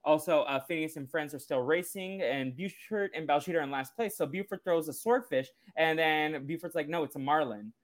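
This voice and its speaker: A man's voice: fairly high pitch, moderate pace, hardly any pauses. A man co-hosting a podcast, casually recapping a cartoon episode in a loose, rambling way. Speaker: podcast co-host.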